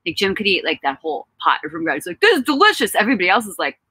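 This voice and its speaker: A chatty woman talks into a laptop mic, her voice bright and close with little room sound. She tells family stories with a ready laugh and lots of playful asides. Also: medium pitch, big pitch swings, very fast, gravelly, slightly rough, no echo, poor audio. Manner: bubbly, laughing, storytelling. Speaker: author co-hosting a book event. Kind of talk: casual chat. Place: outdoor tent, on a laptop stream.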